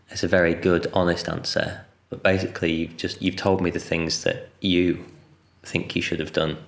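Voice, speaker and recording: A man's voice: low-pitched, a bit bright. Man, thirties, podcast host, probing, echoey room. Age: 30s. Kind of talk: interview questions. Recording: roomy echo.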